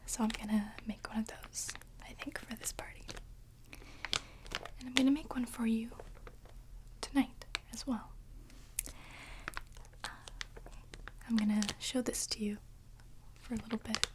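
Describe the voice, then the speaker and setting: A woman hosting an ASMR video, chatting to viewers in a soft, breathy whisper with hesitant pauses between short phrases. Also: on the high side, fairly even intonation.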